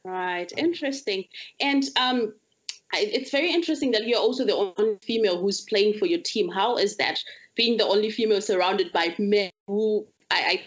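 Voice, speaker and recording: A woman speaks at a middle pitch as a podcast host. She introduces and questions her guest conversationally. The sound is slightly muffled. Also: moderate pace. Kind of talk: conversational interviewing.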